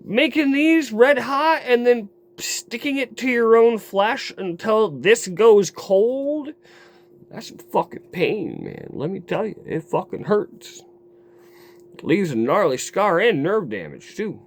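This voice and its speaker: A man telling a raw personal story to his camera in a rambling, profane way, dropping low and quiet, then flaring into heated outbursts. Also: very animated, slow pace. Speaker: vlogger. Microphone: camera mic.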